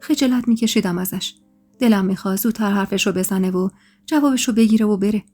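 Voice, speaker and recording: Woman storyteller, mid-pitched, emotional first-person narration over faint music. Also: a little mellow. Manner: emotional, intimate.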